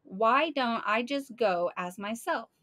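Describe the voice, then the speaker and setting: A woman voicing a nervous, anxious boy sidekick who talks in a flustered, halting way, reading from a storybook. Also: fairly high pitch, animated, fairly bright tone.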